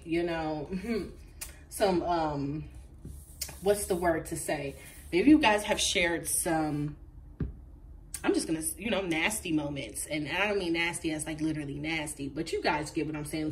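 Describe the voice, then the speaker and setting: Recorded roughly on a distant mic with some hiss or hum, this fairly low-voiced woman reads tarot cards to camera at an indoor table with crystals. She's casual and talkative, slightly stuffy after a recent flu, and her speech is full of ums and laughter.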